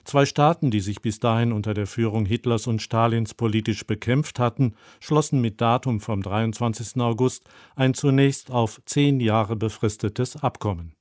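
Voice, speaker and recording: A man reading a scripted radio book review in a sober, measured way. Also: medium pitch, darkish tone, no echo, studio quality. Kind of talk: scripted narration.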